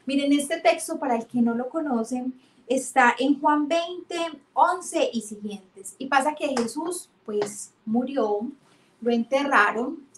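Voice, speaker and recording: Woman teaching with lively storytelling. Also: high voice, takes it slowly, roomy sound, slight background noise. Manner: warm, animated storytelling with emphatic retellings.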